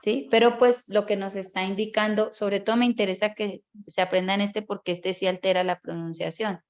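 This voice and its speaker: A woman's voice: medium pitch, steady tone, moderate pace, muffled recording. A woman teaching a Bible course class, explaining step by step and often checking in with her students. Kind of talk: online class lecture.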